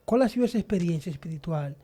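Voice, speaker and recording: A man interviewing a guest about her experience. He speaks haltingly and searches for his words, and he is heard from a distance. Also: a little high, animated, mellow. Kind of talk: interview question.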